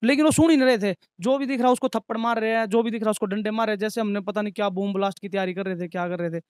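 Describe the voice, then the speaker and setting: A man's voice: high voice, steady tone, very fast, clean tone, no room sound, studio quality. A young man, a restaurant manager, earnestly recounting in detail how he and his staff were beaten. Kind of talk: interview testimony.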